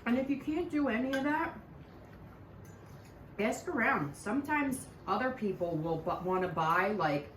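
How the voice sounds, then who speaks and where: A woman's voice: on the high side, lively intonation, measured pace, a bit bright, far from the mic. A middle-aged woman co-hosting a homestead channel, chatting casually over dinner. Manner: chatty, conversational. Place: home dining room. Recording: roomy, from the mic, faint hiss.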